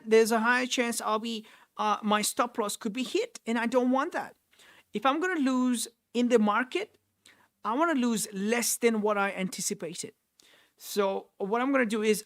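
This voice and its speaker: With a high voice that's a bit bright, this young Nepali man runs a live trading stream, describing his trades and responding to chat. He thinks out loud, often restarting and repeating phrases.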